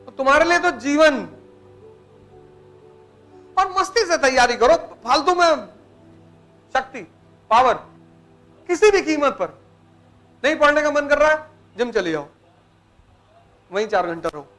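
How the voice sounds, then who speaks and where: A man's voice: very high-pitched, expressive, a little slow, pauses often, pushed and bright, soft background music. A man giving a blunt, teasing motivational lecture to students in colloquial speech. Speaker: motivational teacher.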